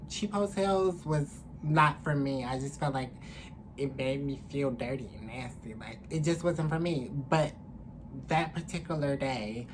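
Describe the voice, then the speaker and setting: A young woman vlogger with a low voice speaks casually to the camera, telling her story candidly in slangy, salty language. Her manner is animated and profane, and the small room she's in carries clearly noisy ambience, with faint noise behind her.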